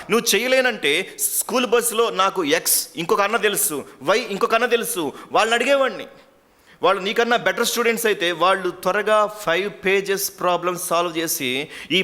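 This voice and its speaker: A man's voice: fairly high pitch, fast, sharp tone, long reverb tail, pitched above the performer's own voice. A man voicing a crying first-grade boy who blames an older girl for breaking a promise. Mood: tearful, accusing. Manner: wailing, accusing. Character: upset little schoolboy, first grader, crying and blaming.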